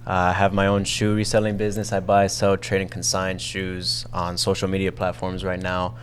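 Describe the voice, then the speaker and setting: A young man, a college student, talking casually as a podcast guest in relaxed run-on sentences. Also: low voice, moderate pace, slight background noise. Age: young adult. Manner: relaxed, run-on talk with you know. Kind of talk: casual interview answers. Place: media studio.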